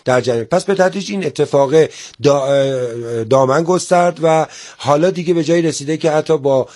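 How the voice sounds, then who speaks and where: A man's voice: a little high, a little mellow. A man speaking as a guest on a studio interview, polite and formal, who often restarts his phrases. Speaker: guest, theater organizer.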